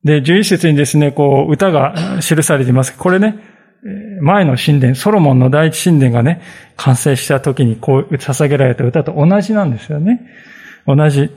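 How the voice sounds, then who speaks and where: A man's voice: a little high, lively intonation, moderate pace, a little mellow, breathy edge. A male pastor giving a conversational sermon, reading scripture and explaining it with frequent fillers and asides.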